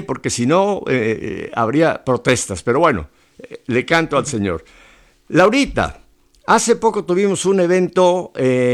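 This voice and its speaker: Chatty Mexican-born male radio host. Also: on the high side. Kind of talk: casual radio chat.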